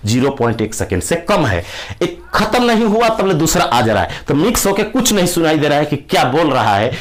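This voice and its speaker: A man teaching a physics lesson to exam students, explaining with everyday examples and repeating key words. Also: medium pitch. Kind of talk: classroom lecture for exam students.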